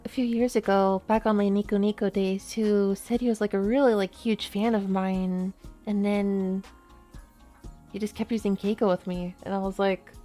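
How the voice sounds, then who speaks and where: A woman's voice: medium pitch, flat delivery, moderate pace, mellow, faint music behind. Chatty woman streamer rambling with fillers. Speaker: VTuber streamer. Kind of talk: casual chat while playing a game.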